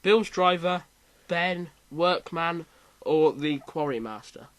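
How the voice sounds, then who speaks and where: A man hosting a casual quiz chat, reading out questions with lively emphasis. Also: on the high side, slow pace, no room sound. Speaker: quiz host.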